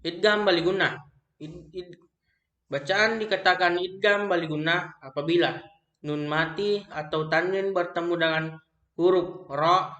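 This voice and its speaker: A young man with an Indonesian accent reads a lesson on recitation rules aloud, slowly and haltingly, often restarting words. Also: fairly high pitch, sharp tone, highs cut off. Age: young adult. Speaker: student presenting an assignment. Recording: echoey room.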